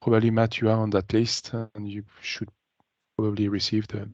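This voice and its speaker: A man with a flat, lowish voice gives a business meeting update over a video call, presenting a demo and halting with many ums and uhs. The audio is dry, slightly muffled, and has no echo.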